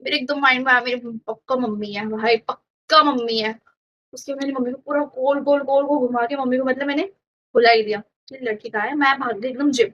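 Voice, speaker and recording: A woman's voice: sits high, a little fast, muffled recording. A young woman vlogger casually telling a funny story from her school days, acting out the lines of the people in it. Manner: chatty, animated retelling with quoted dialogue.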